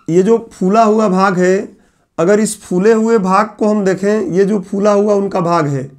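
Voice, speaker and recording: A male teacher giving a classroom lecture, repeating key phrases slowly so students can write them down. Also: high voice, darkish tone. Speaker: exam coaching teacher. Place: classroom with whiteboard.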